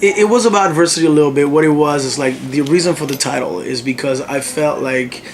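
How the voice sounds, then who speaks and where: With a fairly high pitch and a quick pace, a young male musician from the Congo talks casually in an interview. He's an animated storyteller who leans on frequent fillers, set against a noisy crowd.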